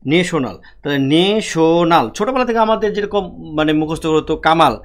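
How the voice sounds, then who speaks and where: A man's voice: on the high side, expressive. A male teacher from Bangladesh, giving an online lecture and often asking a question and answering it himself. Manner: repeats questions and answers them himself, spells out syllables slowly. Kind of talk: online lecture on Bengali prosody.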